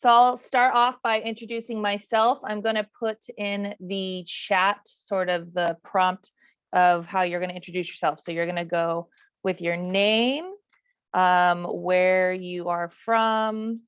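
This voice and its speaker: Here a New Mexico volleyball coach in her thirties runs a class on a video call, talking casually and filling her speech with ums and likes. She speaks low and unhurried, with a clean tone and no room sound. Audio through the call mic is dull and lo-fi.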